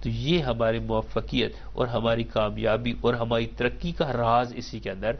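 Male scholar guest, steady lecturing delivery, builds his case with examples, somewhat muffled audio. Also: mid-range voice, vocal fry, a little hiss or hum. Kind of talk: explanatory talk on a studio show.

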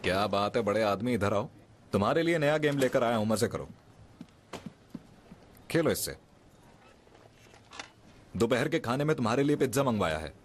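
A man's voice: mid-range voice, lively intonation, normal speed, long pauses, close to an everyday voice. Man doing young businessman, middling voice, teasing, curt orders, dubbed drama, faint noise. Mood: instructing. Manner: teasing and playful, turns curt when giving orders.

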